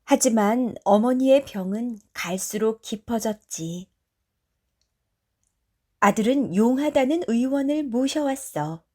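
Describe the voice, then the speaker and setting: Soft slow-paced storyteller woman. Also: on the high side, expressive. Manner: gentle, soothing, conversational narration. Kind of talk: soft ASMR bedtime storytelling.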